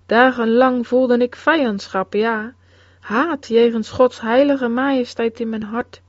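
A woman giving a solemn, measured scripted narration of a religious memoir. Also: fairly high pitch, steady tone, no room sound. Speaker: reader. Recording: dull, dry close recording.

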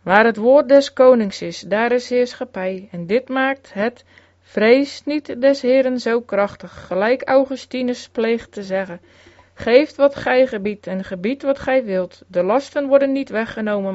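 A woman reading an old-fashioned sermon aloud in a solemn, measured way with archaic phrasing. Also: a little high, darkish tone, no room sound. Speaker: sermon reader. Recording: dull, lo-fi recording, dry.

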